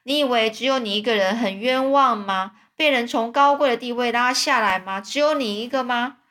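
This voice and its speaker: An old bald swindler in a storybook reading whines that he is a lost king and makes grand demands, as a woman reads him. The delivery is grandiose and pleading. It sits a little high, in a lightly acted storytelling voice. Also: normal speed, a bit bright, lightly acted. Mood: aggrieved.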